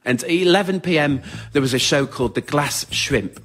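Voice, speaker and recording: This solo show's writer and performer speaks to a theatre audience in a somewhat high, slightly bright voice at normal speed. He tells an autobiographical story on stage in a wry, understated, plain-spoken way.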